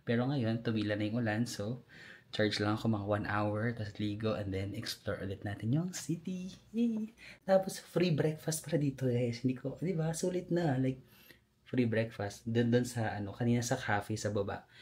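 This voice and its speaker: A man's voice: medium pitch, moderate pace, a little mellow, slightly rough. Young filipino guy doing a chatty travel vlog, playful and easygoing, filipino accent. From Philippines. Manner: chatty, playful, self-narrating. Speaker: travel vlogger.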